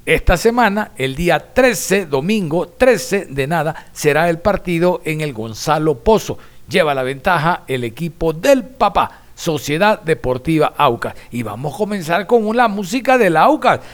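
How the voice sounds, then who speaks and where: A man's voice: on the high side, expressive, unhurried. A man with an Ecuadorian accent hosting a sports talk show, chatty and emphatic, asking and answering his own questions. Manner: chatty, emphatic, asks himself rhetorical questions. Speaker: sports radio host.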